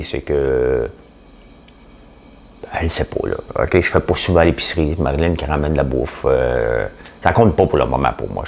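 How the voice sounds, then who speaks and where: A man with a Quebec French accent hosts his show with a low, deep voice. His intonation rises and falls in a lively way as he delivers a blunt, joking monologue. He keeps throwing rhetorical questions at the listener. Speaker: podcast host. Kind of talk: casual opinion monologue.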